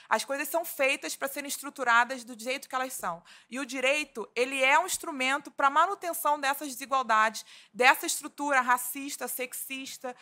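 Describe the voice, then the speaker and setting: A woman's voice: high voice, bright, forceful tone. A woman from Rio de Janeiro, a labor judge, giving an earnest seminar talk and often restarting her sentences. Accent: Rio de Janeiro Portuguese. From Rio de Janeiro, Brazil. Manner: earnest, with frequent restarts and fillers. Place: conference hall.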